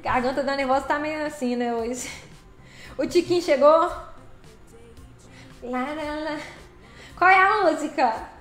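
A woman's voice: high-pitched, a little slow, long pauses, a bit bright, reverberant, soft background music. A woman live-streaming a truck game, chatting casually, laughing often and greeting viewers by name.

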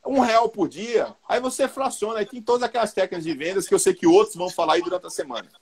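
A man with a Brazilian Portuguese accent giving a live online sales talk in a colloquial, lively way, speaking straight to his audience. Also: sits high, rapid-fire, a little hiss or hum. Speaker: sales trainer.

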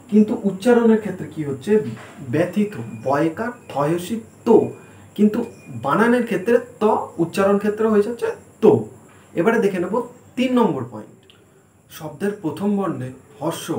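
A man's voice: sits high, darkish tone, slight background noise. A man giving a spelling lesson at a board, asking questions and answering them himself as he spells words out letter by letter. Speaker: teacher. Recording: echoey room.

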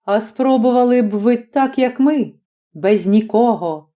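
A woman voicing a grumbling former magistrate, a middle-aged man telling his story in a lively, folksy way. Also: a little high, a little slow. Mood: needling.

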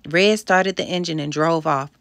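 A woman's voice: sits low, normal speed, dry recording. A woman narrating a first-person storybook, reading expressively and voicing the dialogue. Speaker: audiobook narrator.

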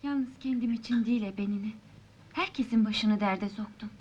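Actress playing guilt-ridden young woman, soft, sorrowful, slightly high voice, dull old film sound. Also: moderate pace, background noise, natural voice. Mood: sad.

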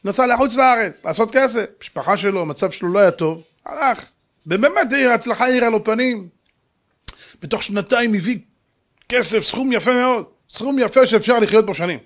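A middle-aged man, a rabbi, preaching a sermon through a story, swinging from hushed narration to shouts. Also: high-pitched, expressive.

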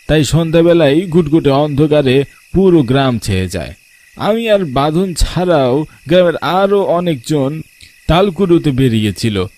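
A young man narrating a first-person ghost story in a tense, hushed way. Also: fairly high pitch.

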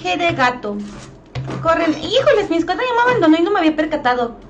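Bubbly high-voiced Mexican woman streamer. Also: sing-song, background noise. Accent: Mexican Spanish. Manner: chatty, playful, quick greetings to viewers. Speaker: gaming streamer. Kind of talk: live-stream commentary, greeting chat.

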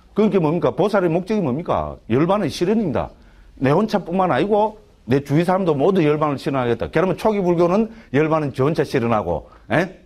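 Middle-aged male monk lecturer in a somewhat high voice. Keeps quizzing the class with rhetorical questions and jokes. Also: darkish tone. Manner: playful, jokes between points.

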